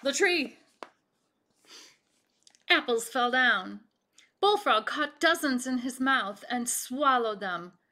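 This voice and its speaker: A woman reads a children's picture book aloud, taking her time over each line. Her voice is bright and clear, and her delivery is expressive and deliberate. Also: a little high. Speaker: storybook reader.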